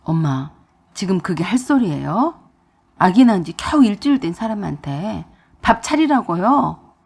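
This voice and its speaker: A woman's voice: medium pitch, sing-song, normal speed, gravelly, darkish tone, husky, heavily acted. A woman voicing a young husband who pleads with his mother, exasperated. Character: young husband torn between mother and wife.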